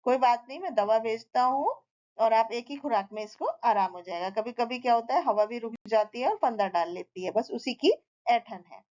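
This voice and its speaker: A woman's voice: fairly high pitch, moderate pace, darkish tone, natural voice. A woman voicing a matter-of-fact male doctor who explains the boy's illness, in a slightly dull recording. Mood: explaining.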